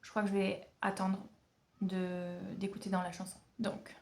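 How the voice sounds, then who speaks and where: A woman vlogging casually from home about learning songs, chatty and self-mocking, sounding out syllables slowly. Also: medium pitch, monotone, darkish tone. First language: French. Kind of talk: casual vlog.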